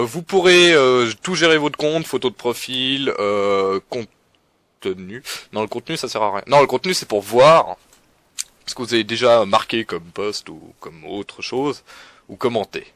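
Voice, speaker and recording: A man's voice: medium pitch, lively intonation, normal speed, a bit bright, dry recording. A young man giving a casual, rambling walkthrough of a game forum, with lots of fillers, restarts and self-mocking asides. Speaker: forum guide presenter. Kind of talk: casual screen-recorded walkthrough.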